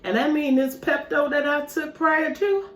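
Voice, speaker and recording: A woman's voice: high-pitched, normal speed, fairly bright tone, a little hiss or hum. A woman vlogger, chatting casually and animatedly to her viewers while eating dessert at home. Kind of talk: casual mukbang chat to viewers. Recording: echoey room.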